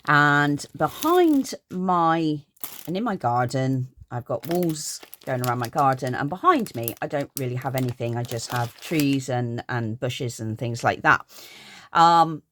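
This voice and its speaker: Low-voiced chatty woman. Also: expressive, measured pace, a bit bright, slight background noise. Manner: chatty and gushing, rambling asides. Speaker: craft vlogger. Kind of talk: casual haul chat. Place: garden craft room.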